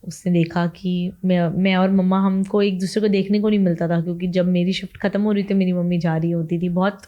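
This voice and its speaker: A woman's voice: on the low side, little pitch movement, brisk, dark tone, muffled recording. A young woman, an interview guest, telling her life story in an emotional, chatty way and mixing in English phrases. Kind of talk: casual interview talk.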